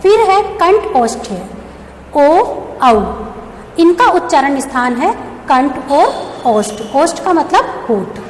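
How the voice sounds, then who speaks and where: Speaking a little slowly, the school teacher uses a high-pitched voice with big swings in pitch. She quizzes the class on grammar, answers her own questions, and spells out each letter. The recording has echo and a faint background hum.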